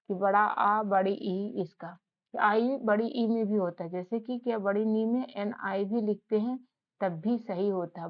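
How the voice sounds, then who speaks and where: Patient woman teaching a spelling lesson. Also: medium pitch. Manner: patient, repeats questions to the learner. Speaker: English teacher. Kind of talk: casual spoken lesson. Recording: slightly dull lo-fi audio.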